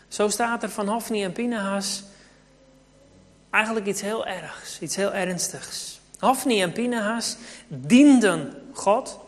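A preacher delivering a sermon in a storytelling way, speaking to the children as well as the grown-ups. The voice is mid-pitched. It rings with the long reverb of a church hall. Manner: storytelling, addresses children in the congregation.

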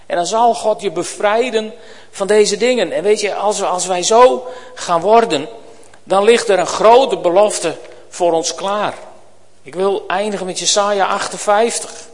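A man preaching a sermon in a church, earnest and pleading, swinging between loud urgent calls and hushed quiet passages. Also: sits high, a little slow. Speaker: pastor. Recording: long reverb of a church hall.

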